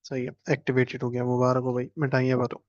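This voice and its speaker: A man's voice: mid-range voice, monotone, fast talker, no echo, muffled recording. A man teaching a casual screen-share computer lesson, chatting and joking as he clicks through steps. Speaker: instructor.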